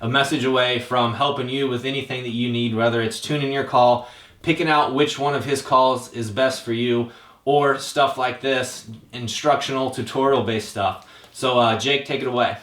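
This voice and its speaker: A man with a mid-pitched voice hosts a hobby video series in a roomy, echoing space. His delivery is informal and plain-spoken, a casual introduction to viewers. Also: fairly even intonation, normal speed, fairly bright tone. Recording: echoey, roomy sound.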